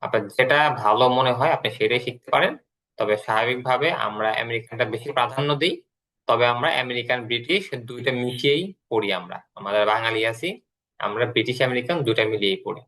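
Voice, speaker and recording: A man teaching an English class over an online call. His voice is bright and forward at a medium pitch. He explains step by step and repeats words so the students can follow. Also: quick pace, poor audio.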